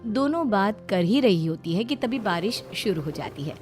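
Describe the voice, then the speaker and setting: A woman narrating a cartoon family story in an even, storytelling manner. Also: mid-range voice, moderate pace, soft background music.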